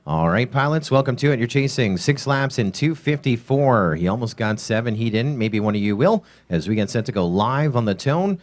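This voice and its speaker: A man calls a drone race live, running through lap times in quick play-by-play. He breaks in with sponsor reads between the action, in the even voice of an event announcer. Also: mid-range voice.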